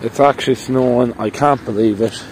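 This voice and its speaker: This Irish vlogger strolls a park path in falling snow, rambling chattily into an arm's-length phone with bursts of playful sing-song. His medium-pitched voice is brisk and a little mellow. Poor audio brings slight background noise and faint outdoor ambience.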